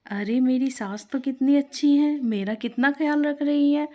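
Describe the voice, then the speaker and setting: A woman voicing a gentle young new bride who talks sweetly, at times lightly exasperated. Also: a little high, normal speed, voice pushed up, natural voice. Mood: pleased.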